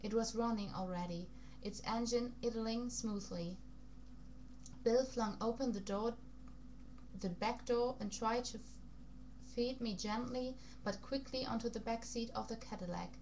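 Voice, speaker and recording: A woman's voice: fairly high pitch, a little slow, darkish tone. A woman reading a novel aloud in a put-on, funny foreign accent, stumbling over words now and then and rereading phrases. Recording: noisy recording with background hum.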